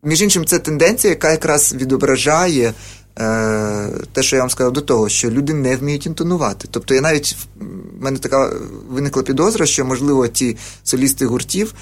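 A man's voice: mid-range voice, brisk. A man, a folk music researcher, explaining things in a radio interview with many fillers and restarts.

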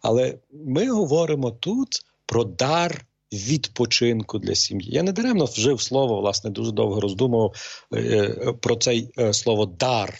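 A middle-aged man, a priest, talking slowly and hesitantly with many pauses and fillers. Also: mid-range voice, expressive, creaky, husky, dry recording, dull audio. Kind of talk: calm talk show conversation.

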